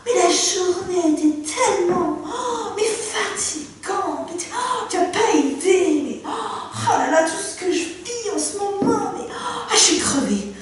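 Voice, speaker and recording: An actress playing a worn-out working wife and mother who swears and shouts at her partner, on a stage. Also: very high-pitched, expressive, a little slow, hardly any pauses. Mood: exhausted. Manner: exasperated, swearing, rising to shouts. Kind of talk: stage monologue. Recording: echoey stage from far off, faint noise.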